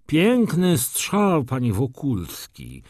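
Guy putting on a shrill fussy baron, high squawky voice, big swings, dry sound. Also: sing-song, slow pace, a little mellow, no room sound. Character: shrill vain old-school male baron.

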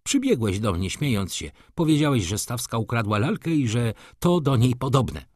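A man voicing a spiteful, vindictive older baroness who talks in a shrill, accusing, theatrical way. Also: very animated, normal speed, darkish tone, dry recording, clean studio sound. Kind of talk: audiobook character voice.

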